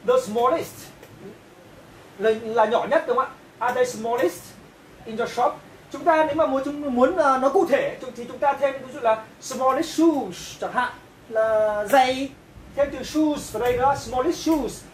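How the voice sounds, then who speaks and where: A woman teaching English grammar with a Vietnamese accent, going slowly, repeating phrases and checking with her learners. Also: high-pitched. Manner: slow, repeats and translates each phrase, often asks "right?". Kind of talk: grammar lesson. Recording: echoey room, voice from a distance, faint hiss.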